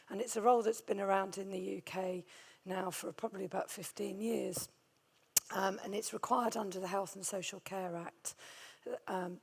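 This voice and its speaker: Speaking at a conference about infection control in hospitals, a middle-aged woman has a medium-pitched voice left gravelly, hoarse and strained by a vocal cord nodule. She comes across friendly and self-deprecating, hesitating with plenty of ums.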